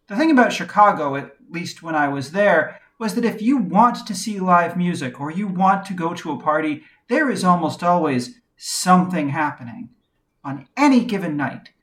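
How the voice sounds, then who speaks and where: Woman, reflective first-person narration, quiet and measured, candid, pauses often. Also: lowish voice. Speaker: video essayist.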